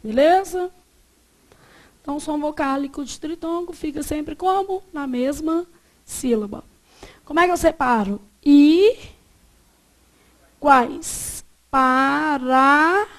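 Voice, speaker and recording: High-voiced Brazilian woman teaching grammar. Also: normal speed, long pauses. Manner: poses fill-in questions and repeats the answers. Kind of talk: classroom lecture.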